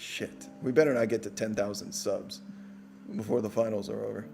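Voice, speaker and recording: A man's voice: fairly low pitch, steady tone, gravelly, music in the background. A man with a New York accent hosting a casual livestream, joking and swearing as he answers viewers. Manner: joking, profane, quick banter. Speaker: host.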